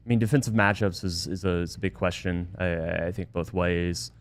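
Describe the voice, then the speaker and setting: A man's voice: low voice, steady tone, moderate pace. A man co-hosting a sports podcast, giving thoughtful analysis and often stammering and restarting his words. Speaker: podcast co-host.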